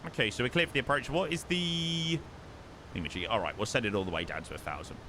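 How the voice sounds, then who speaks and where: A man's voice: deep voice, big pitch swings, racing, background noise. A British man chatting casually and matily on a flight simulator livestream, often repeating words as he comments on his flying.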